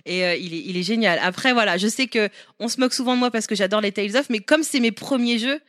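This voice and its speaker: A woman's voice: mid-range voice, fast talker, fairly bright tone, no echo, studio quality. A woman co-hosting a casual gaming podcast, playful and teasing, laughing often as she presents a favourite game.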